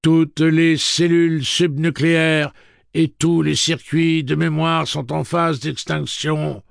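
A man voicing a male messenger robot that is powering down, reciting its shutdown message in a clipped monotone. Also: fairly high pitch, slow pace, gravelly, dry recording, studio quality, voice pushed up. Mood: mechanical. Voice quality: monotone, clipped machine delivery. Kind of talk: audiobook character voice.

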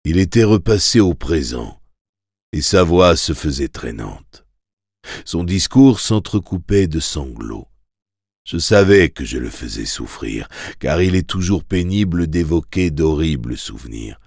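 Man with an extremely deep, husky voice. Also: very animated, unhurried, a little mellow, dry recording, studio quality. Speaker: audiobook narrator. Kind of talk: first-person scripted narration.

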